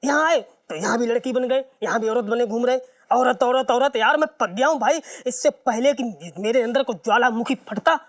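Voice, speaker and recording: An actor in a sitcom playing a young man who is tired of posing as a woman and now works as a night watchman. He talks in a quick, whiny way and threatens to shout. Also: very high-pitched. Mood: fed up. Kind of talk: sitcom acting.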